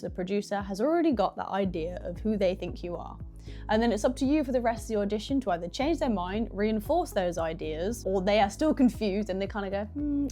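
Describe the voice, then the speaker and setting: Young northern english woman vlogging audition tips, chatty and animated, soft music underneath. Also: medium pitch. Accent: northern English regional. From Midlands or North of England. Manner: chatty, animated, acts out little voices in quotes. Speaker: actor giving audition advice. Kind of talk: casual advice vlog.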